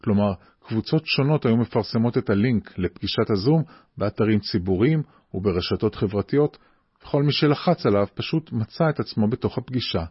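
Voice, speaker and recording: A man with a lowish, husky voice hosts a podcast, asking and explaining in an informative style. The sound is very dry and slightly muffled. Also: lively intonation, no room sound. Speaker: podcast host. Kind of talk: interview questions and scripted explanatory narration.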